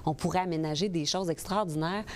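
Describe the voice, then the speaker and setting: A political candidate in her forties from Portneuf, Quebec, speaks in a Québécois French accent while fielding interview questions, earnest but frequently hesitating and starting over. Her voice sits lowish, her pace is a little fast, and slight background noise is present.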